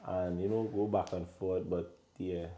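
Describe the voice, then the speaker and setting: A man's voice: deep voice, little pitch movement, measured pace, roomy sound, a crowd in the background. A man in his thirties from Trinidad and Tobago with a thick Trinidadian accent, an easygoing chef chatting casually in an interview and laughing often. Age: 30s. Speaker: chef and restaurant owner.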